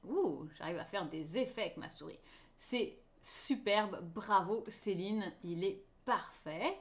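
A woman teaching a live online knitting class. She talks in a chatty way and often checks in with her viewers. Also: medium pitch. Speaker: knitting teacher hosting a knit-along.

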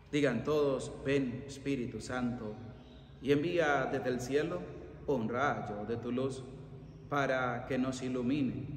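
A man's voice: mid-range voice, a little hiss or hum. A middle-aged man preaching a sermon as a priest, earnest and emphatic, recorded in a church chapel by a fixed camera. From Venezuela. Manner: earnest preaching, emphatic and rising on key warnings. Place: church chapel by an ornate altar. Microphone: fixed camera at mid distance. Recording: echoey church with long reverb, faint ambience.

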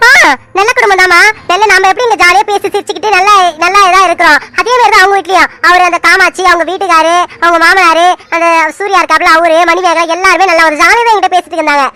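A woman chats in a cartoon family serial, rambling on and repeating herself. Her voice is very high and bright, and she talks quickly. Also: fairly even intonation. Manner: chatty, rambling, lots of repeats. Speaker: storyteller voicing Poomari.

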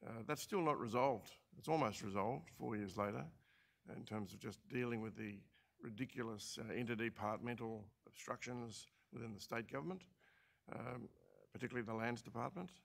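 An older Australian man serves as administrator chairing a council meeting, giving formal remarks into a desk mic in a large council chamber. His medium-pitched voice has vocal fry, and he speaks haltingly, full of fillers and restarts.

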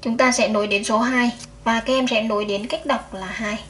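Female teacher, slightly high voice, patient counting for first graders. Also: fairly even intonation, fairly bright tone, slight background noise. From Vietnam. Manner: slow, patient counting aloud to children. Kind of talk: first-grade math lesson.

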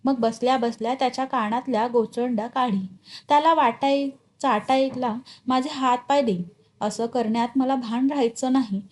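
A woman teacher reading a short story aloud in an expressive, clear way. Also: high voice.

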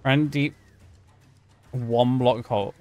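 A man's voice: mid-range voice, fairly even intonation, takes it slowly, a little mellow, no room sound, faint music behind. A man streaming a video game, chatting to his viewers, joking and yelping at scares. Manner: chatty, jokey, talks to chat, yelps at scares. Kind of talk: gameplay commentary.

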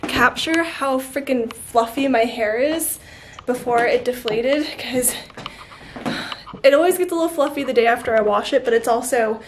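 A woman's voice: a little high, moderate pace, noisy background. A young woman from California's Central Valley, a college student talking candidly in a casual vlog, with lots of "like" fillers. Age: young adult. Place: at home.

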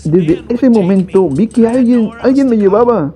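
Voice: medium pitch, lively intonation, a little slow, dark tone, faint music behind, natural voice. A sad abandoned puppy, read by a reactor. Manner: reads the story's lines aloud in first person. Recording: dull lo-fi recording.

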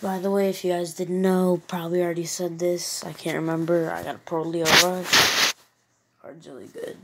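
A woman giving casual, deadpan commentary over a phone screen recording while playing a mobile card game. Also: lowish voice, normal speed, very noisy. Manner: laid-back, deadpan sarcasm. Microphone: phone mic.

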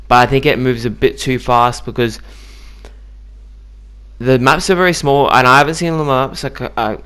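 Smooth-voiced man chatting about a game. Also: medium pitch, moderate pace, a bit bright. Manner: chatty, loose, many ums and likes. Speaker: gaming YouTuber. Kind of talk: casual gameplay commentary.

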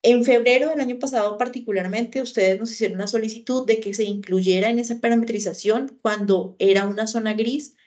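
A woman's voice: mid-range voice, darkish tone. A woman with a Colombian accent giving an online training presentation, explaining step by step and asking rhetorical questions. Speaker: presenter of a health institute system.

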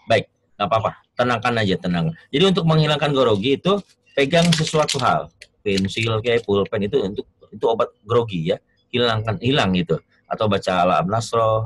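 A man teaching Quran reading in an online lesson over a video call, gentle and joking as he encourages his students. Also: lowish voice, expressive, normal speed, a little hiss or hum, rough recording.

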